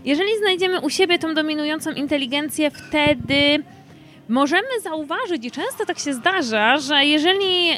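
A woman's voice: high-pitched, animated, normal speed, a bit bright, faint music behind. A woman who works with children on learning, explaining in an earnest conversational way and giving practical examples. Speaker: child education specialist. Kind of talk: conversational interview answers.

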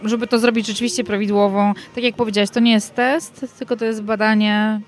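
A woman's voice: medium pitch, flat delivery, brisk. A woman hosting a conversation, speaking thoughtfully and hesitantly with frequent restarts. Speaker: host. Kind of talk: conversational interview.

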